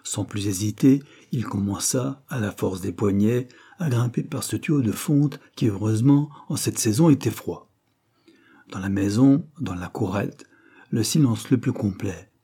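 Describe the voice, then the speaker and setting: A man reading a serial adventure novel aloud in a measured, dramatic narration. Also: lowish voice, warm tone, breathy edge. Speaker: audiobook reader.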